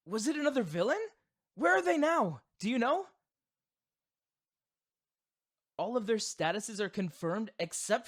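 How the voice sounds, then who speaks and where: A man acts out a proud young supervillain boyfriend for an ASMR roleplay. His delivery is slow and theatrical, with big swings in pitch. Under the villainous pomp he is teasing, doting and easily flustered. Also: full character voice. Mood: alarmed, frustrated.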